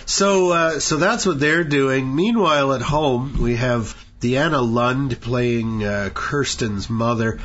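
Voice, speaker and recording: A man's voice: medium pitch, takes it slowly, hardly any pauses. Laughing sarcastic man reviewing movies. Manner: laughing, sarcastic, animated retelling. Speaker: podcast co-host. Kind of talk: casual movie review chat. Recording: dull lo-fi podcast audio with faint hiss.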